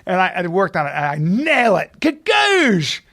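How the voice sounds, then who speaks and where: A man's voice: sits high, expressive, quick pace, a bit bright. A man co-hosting a podcast, telling self-mocking anecdotes in casual chat and laughing often as he goes. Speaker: podcast co-host.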